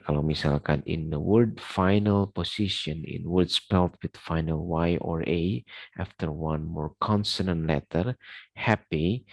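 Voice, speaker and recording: A man's voice: rumbling low, vocal fry, no echo. A man teaching English sound rules in a loose lecture, full of fillers and mixing in English terms. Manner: many fillers, mixes English terms into explanations. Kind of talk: casual recorded lecture.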